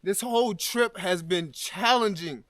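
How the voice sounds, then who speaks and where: This high-voiced man talks unhurriedly with a fairly bright tone, captured in clean studio sound without echo. Hailing from Alabama, he films a solo hiking vlog in the snowy mountains, speaking to viewers with emotion and thanks.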